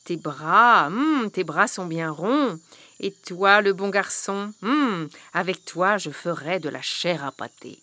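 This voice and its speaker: A woman doing a cruel old witch with wild hair, snarling and commanding, bright biting tone, loud shouted orders, storybook voice, dry close sound. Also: on the low side, expressive, slow, no echo, pitched below the performer's own voice, full character voice. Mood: gloating. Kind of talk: storybook reading.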